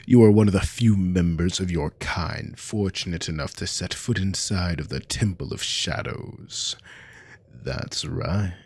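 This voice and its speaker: A man playing a cruel, haughty naga army commander in an ASMR role-play, slow and domineering, with a gravelly, breathy voice. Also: deep voice, darkish tone, heavily acted. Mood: haughty, contemptuous. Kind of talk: scripted ASMR role-play monologue to a captive listener.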